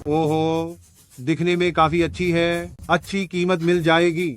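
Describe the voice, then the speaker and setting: A man's voice: fairly high pitch, flat delivery, a little slow, clean tone, close to an everyday voice. A man dubbing a swaggering gambling-den thug who collects debts, in a sneering, bullying way. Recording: dubbed dialogue over loud music.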